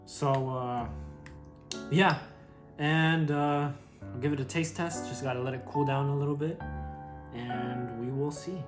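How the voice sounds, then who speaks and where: A man's voice: mid-range voice, steady tone, a little slow, pauses often. A young man chatting casually and rambling with lots of fillers while cooking on his vlog. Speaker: vlogger. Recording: guitar music playing behind.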